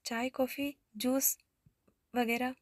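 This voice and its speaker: A woman's voice: high voice, flat delivery, slow, no echo, clean studio sound. A woman voicing a friendly young married woman with casual, chatty replies.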